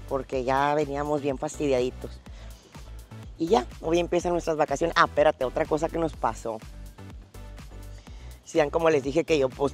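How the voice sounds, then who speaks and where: A woman, chatting and laughing as she tells a travel story while walking outdoors, on a lapel mic. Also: low-pitched. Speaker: fitness vlogger. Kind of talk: casual travel vlog storytelling. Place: outdoors at a tropical resort.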